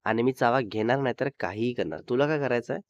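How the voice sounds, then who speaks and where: Young girlfriend, read by a man, quick-tempered, teasing, scolding, mid pitch, muffled dry audio. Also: no room sound, natural voice. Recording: dull dry sound.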